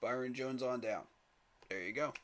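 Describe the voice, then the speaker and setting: Here a sports fan streamer goes live, chuckling at rival fans while he pleads emphatically with his chat. He talks at an ordinary pace, and his voice sits at medium pitch with a bit of brightness.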